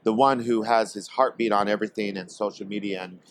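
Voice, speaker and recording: A man from Portland, Oregon, guest on a podcast, speaking hesitantly with many pauses and fillers. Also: lowish voice, steady tone, no echo. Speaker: guest, tobacco company executive. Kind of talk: casual podcast interview. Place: trade expo.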